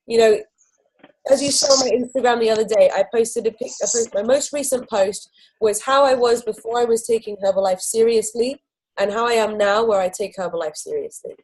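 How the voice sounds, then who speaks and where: A woman's voice: on the high side, a little fast, darkish tone, poor audio. A woman hosting a sales training video, talking enthusiastically and persuasively and acting out little exchanges with customers. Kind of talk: training talk.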